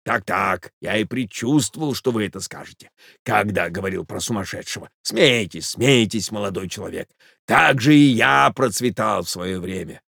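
Male reader voicing a frantic, whining jealous gentleman, gravelly edge. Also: on the low side, expressive, moderate pace, no echo, studio quality, pitched below the performer's own voice, heavily acted. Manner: panicky, whining. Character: flustered jealous middle-aged man hiding.

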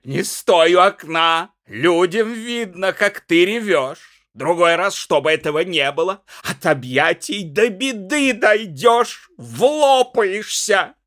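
A man reading aloud, voicing a slightly drunk, jealous husband who shouts and berates his young wife in high, strained yells. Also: animated, very slow, no room sound, studio quality, heavily acted. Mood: bellowing. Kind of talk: dramatic audiobook reading.

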